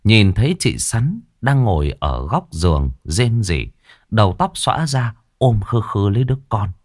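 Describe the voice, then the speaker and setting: A man narrating a horror story in a lively, vivid way. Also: normal speed, no room sound, studio quality. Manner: lively, vivid telling with varied pitch.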